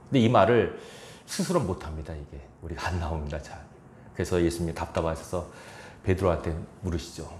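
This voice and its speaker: A man's voice: low-pitched, a little fast, darkish tone, echoey room, a little hiss or hum. A man pastor preaching a sermon in a church, chuckling now and then and acting out quoted lines. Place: church sanctuary.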